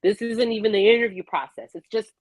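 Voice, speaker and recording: A woman giving opinionated casual commentary, stressing her points with deliberate repetition. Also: mid-range voice.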